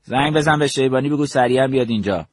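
A man voicing a stern adult male air force commander who gives sharp orders and scolds his staff, in a husky voice. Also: medium pitch, expressive, no echo, pitched above the performer's own voice, close to an everyday voice. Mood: commanding. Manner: reproachful, commanding.

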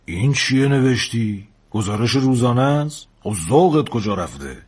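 A man voicing a fatherly older sailor who recalls past loves and gives a young man slow, drawn-out advice. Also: medium pitch, animated, darkish tone, breathy edge. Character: fatherly older male sailor, wistful and wise. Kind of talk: storybook character voice.

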